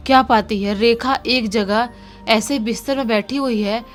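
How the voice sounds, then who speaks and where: A woman's voice: on the high side, steady tone, a little slow, faint music behind. A woman narrating a horror story in a casual, conversational way, repeating lines for emphasis.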